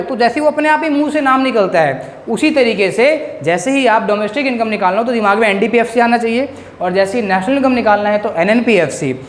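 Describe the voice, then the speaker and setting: A male economics teacher giving a classroom-style lecture, drilling his students with quick questions. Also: sits high, a little hiss or hum. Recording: echoey room.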